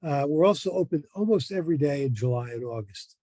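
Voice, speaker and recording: A man giving an informal educational talk as a museum presenter, explaining things in a halting way. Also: fairly high pitch, animated, mellow, no room sound.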